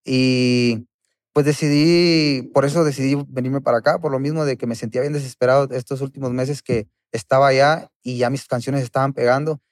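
Man, medium pitch, street slang, casual chat, rapper guest, dry sound. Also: steady tone, brisk, no room sound.

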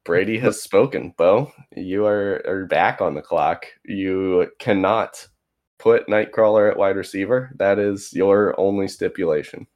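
Low-voiced, matter-of-fact man. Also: a little slow, a little mellow. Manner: matter-of-fact, explains rules. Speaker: podcast co-host. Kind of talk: casual chat.

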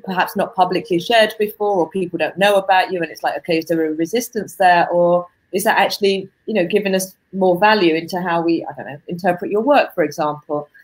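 A woman's voice: fairly low pitch, husky, poor audio. A woman speaking as an interview guest in a casual, reflective way, thinking aloud as she goes. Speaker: interview guest, author on art marketing.

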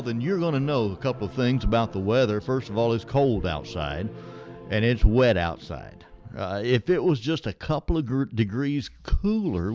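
A man hosting a Bible call-in show, talking conversationally and deliberately in a folksy way, repeating phrases for emphasis. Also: mid-range voice, vocal fry, a little mellow, dry recording, lo-fi sound. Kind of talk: conversational religious radio teaching. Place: radio studio, live broadcast.

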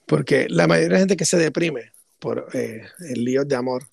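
A man's voice: on the high side, normal speed, gravelly, a little mellow, slightly rough, no room sound, clean studio sound. A man co-hosting a podcast, reasoning through ideas in long, reflective casual talk. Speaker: podcast co-host. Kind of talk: casual philosophical discussion.

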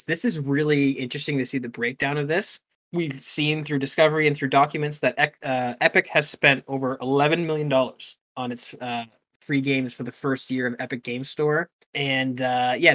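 Bright-voiced man chatting about games. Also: medium pitch. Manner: loose, swears casually, trails off and restarts. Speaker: podcast co-host. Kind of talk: casual gaming news chat.

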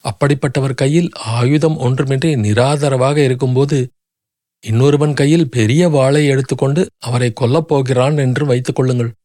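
A man's voice: medium pitch, fairly even intonation, moderate pace, mellow, dry recording, clean studio sound, natural voice. A man voicing a grief-stricken young noblewoman who pleads desperately through sobs. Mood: grieving plea.

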